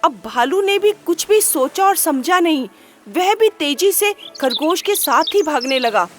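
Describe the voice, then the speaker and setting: A woman narrating a children's moral story, unhurried and asking the listeners rhetorical questions. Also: high voice, animated, soft background music.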